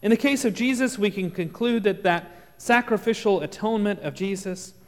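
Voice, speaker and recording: Texan preacher guy, slightly high voice, earnest sermon w long pauses, big echoey church. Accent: Texas. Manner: earnest, explanatory, with dramatic pauses and shifts in volume. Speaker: pastor. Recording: long reverb of a large room.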